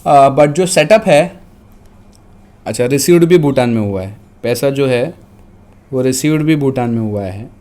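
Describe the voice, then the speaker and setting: A man's voice: mid-range voice, animated, unhurried, pauses often, darkish tone. A man with an Indian accent teaching an online tax lesson, mixing Hindi and English and repeating figures for dictation. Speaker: commerce tutor.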